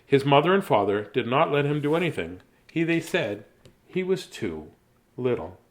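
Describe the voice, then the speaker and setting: A mid-range voice, big swings in pitch and moderate pacing mark this middle-aged livestream host. He mixes casual chat with bedtime story readings for children, rambling in a silly, self-deprecating way.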